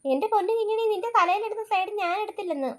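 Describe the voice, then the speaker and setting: A defensive grandmother, played by a woman, in a family comedy skit. She fires off insistent denials at a rapid clip in a fairly high voice. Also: lively intonation. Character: defensive grandmother accused of taking a hair slide.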